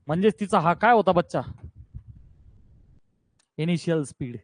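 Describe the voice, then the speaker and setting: A man teaching a physics class, energetic and coaxing, always checking that students follow. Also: a little high, normal speed, no room sound.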